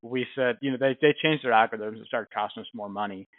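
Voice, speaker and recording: The fast-talking man here has a medium-pitched voice and works as a company representative phoning someone who won a prize. It's a casual business call full of friendly, informal explanation and frequent chuckles, heard through narrow, phone-like audio with an echoey room sound.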